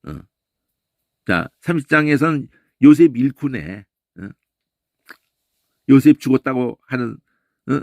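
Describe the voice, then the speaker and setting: Animated gravelly Korean-speaking Bible teacher. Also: male voice, medium pitch, slow pace, long pauses, no room sound, studio quality. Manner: animated, keeps asking "eh?" and mimics voices and sounds.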